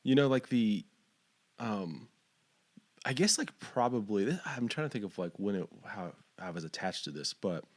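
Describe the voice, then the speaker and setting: Man from Texas, podcast host, casual interview, rambling with lots of fillers, lowish voice. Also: very animated, moderate pace. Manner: rambling and searching for words, many fillers.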